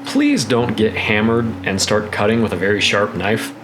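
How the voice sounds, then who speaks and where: A man with a fairly low voice hosts a casual home cooking vlog. He rambles through each step in a laid-back, unpolished way, swearing freely. Guitar music plays clearly behind his talk. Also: sing-song, moderate pace. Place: home kitchen.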